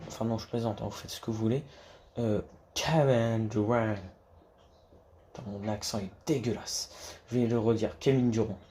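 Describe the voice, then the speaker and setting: A man's voice: on the low side, little pitch movement, a little fast, dark tone, a little hiss or hum. A man talking casually to camera about basketball, rambling with many restarts and casual swearing. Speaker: basketball YouTuber.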